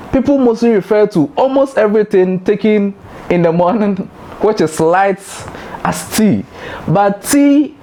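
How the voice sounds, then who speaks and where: A man with a Ghanaian accent hosting a light educational talk, playful and laughing, jumping into high mock voices. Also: mellow, slight background noise. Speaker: host.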